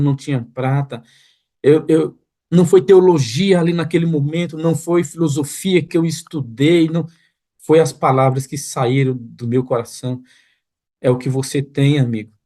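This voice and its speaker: A man's voice: a little high, warm tone. A man preaching as a pastor, telling a story with earnest feeling that rises to pleading intensity. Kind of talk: sermon testimony. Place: online church broadcast room.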